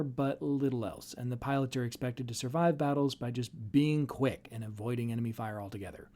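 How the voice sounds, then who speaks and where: A man delivers semi-scripted explanatory commentary in a relaxed, mellow voice. His pitch sits in an ordinary middle range. He drops in wry, dismissive asides as he goes, in the manner of a fan host walking through an argument. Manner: wry, dryly sardonic asides. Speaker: host and narrator of a video series.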